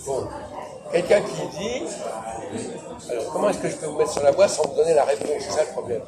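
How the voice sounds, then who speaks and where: A man's voice: fairly high pitch, animated, a little fast. A man leading an informal philosophical debate in French, hesitant and insistent, professorial, often correcting the others. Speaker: host of a philosophy café debate. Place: echoey public café interior. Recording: roomy echo with loud music behind. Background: loud background music.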